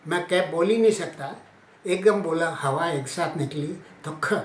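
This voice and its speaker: Slow, deliberate male teacher in an echoey room. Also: fairly high pitch. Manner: slow, deliberate, sounding out letters aloud. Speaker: teacher explaining Hindi phonetics. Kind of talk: informal spoken lesson. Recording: echoey room with faint ambient noise.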